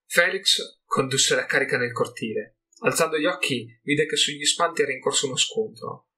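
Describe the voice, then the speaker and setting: A man's voice: mid-range voice, sharp tone, a little hiss or hum. Man narrating a fantasy audiobook. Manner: measured, dramatic storytelling. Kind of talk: scripted narration.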